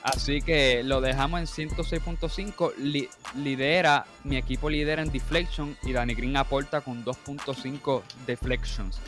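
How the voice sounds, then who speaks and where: A panelist with a Caribbean Spanish accent argues a basketball debate, reeling off statistics and mixing in English terms. His medium-pitched, fairly bright voice moves at a moderate pace with fairly even intonation and hardly any pauses, over faint background music.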